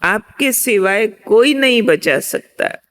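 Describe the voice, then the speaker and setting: A desperate man clinging to a branch above a deep ravine begs for rescue, as a woman storyteller puts him on. The voice is pushed higher than the teller's own and comes out very slow and clear. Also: animated, a bit bright. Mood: pleading. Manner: pleading, crying out for help. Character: desperate man hanging over a cliff.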